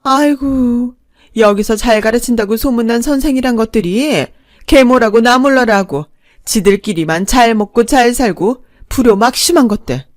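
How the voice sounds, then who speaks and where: A woman voicing a brazen old stepmother-in-law who talks loud, whining and accusing. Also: fairly high pitch, expressive, normal speed, no room sound, studio quality, natural voice. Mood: wailing.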